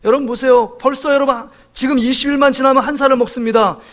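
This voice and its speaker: A man in his forties preaching a sermon in a church, lively and joking, often asking the congregation questions. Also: very high voice, quick pace. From South Korea. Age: 40s. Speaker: pastor. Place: church sanctuary.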